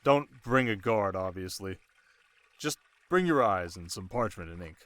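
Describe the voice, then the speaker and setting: Playing a young, sharp desert king in an intimate ASMR roleplay, a man teases his new wife in measured, quietly commanding speech. His low voice is expressive, the mood playful and brisk, with no echo.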